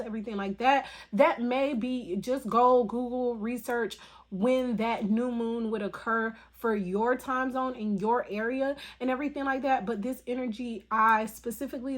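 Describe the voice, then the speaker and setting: A woman tarot reader talking casually in a spiritual vlog, with a voice still recovering from the flu and rambling, filler-filled speech. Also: on the high side. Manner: rambling, filler-heavy talk.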